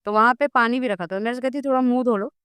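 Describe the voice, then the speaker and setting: A woman guest in a casual interview, telling a personal story in a lively way and acting out the dialogue. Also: on the high side, fast, smooth, dry recording, clean studio sound. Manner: animated storytelling, acts out dialogue. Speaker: guest devotee.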